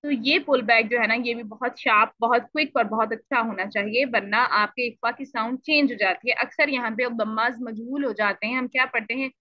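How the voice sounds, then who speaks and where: A woman teaching Quran recitation in an online lesson, explaining patiently and repeating syllables to demonstrate, clearing her throat now and then. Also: a little high, brisk, hardly any pauses, no room sound. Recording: dull lo-fi dry audio.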